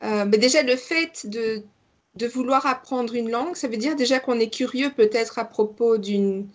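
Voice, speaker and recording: A woman language teacher in conversation, thoughtful and gently helpful, answering at a measured mid-range pitch. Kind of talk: conversational interview.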